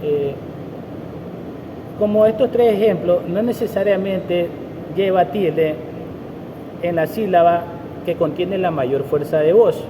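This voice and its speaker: Guy with a highish voice reading his part of a school presentation, noisy room. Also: slow, long pauses. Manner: reading out explanations with slips. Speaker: student presenter. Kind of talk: class presentation on grammar.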